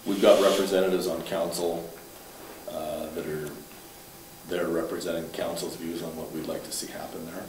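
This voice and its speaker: A man with a very low voice gives a matter-of-fact report to a town council, stopping and restarting as he talks. He is picked up from across an echoey chamber on a distant mic. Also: level tone, moderate pace. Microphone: far room mic. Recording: echoey room, distant mic, faint hiss.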